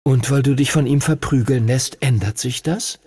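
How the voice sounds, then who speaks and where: A man's voice: mid-range voice, normal speed, warm tone, slightly rough, dry recording, pitched above the performer's own voice. A man voicing a sensible young dragon who reasons in a dry, cautious way. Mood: reproachful.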